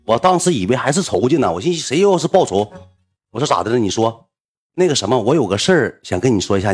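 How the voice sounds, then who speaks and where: Young guy w northeastern chinese accent telling a story, slangy and boastful, kinda husky, talks fast. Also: on the low side. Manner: animated, acts out voices, slangy and boastful. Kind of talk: casual spoken storytelling.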